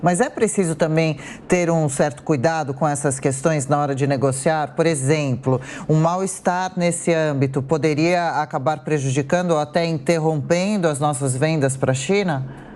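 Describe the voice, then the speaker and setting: A woman anchor asking a measured, conversational question on a news show. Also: low voice, darkish tone.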